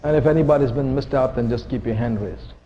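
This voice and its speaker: A man's voice: mid-range voice, quick pace, dark tone, muffled recording. A man from India, preaching a sermon to a church congregation in an earnest, emphatic way, with joking asides. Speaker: visiting missionary preacher. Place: church sanctuary.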